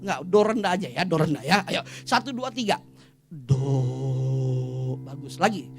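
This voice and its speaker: A male pastor, preaching a lively, humorous sermon and leading the congregation in call-and-response. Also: high-pitched, fast, soft background music. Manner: energetic, jokes and leads call-and-response with congregation. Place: church service.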